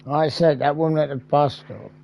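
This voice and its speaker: A man's voice: on the high side, steady tone, fairly quick, gravelly, warm tone. A man giving casual, rambling gameplay commentary with crude jokes and heavy swearing. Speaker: gamer.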